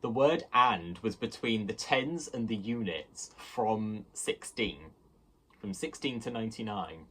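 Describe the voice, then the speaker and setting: A man teaching a language lesson, explaining patiently and slowing down to pronounce the foreign words. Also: fairly low pitch, animated, a bit bright, breathy edge.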